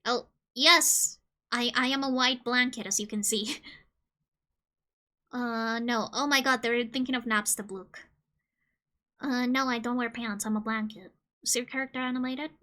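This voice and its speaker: A woman from Colombia streaming casually, joking and reading game questions aloud, with sudden loud squeals. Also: on the high side, fairly even intonation, unhurried, pauses often.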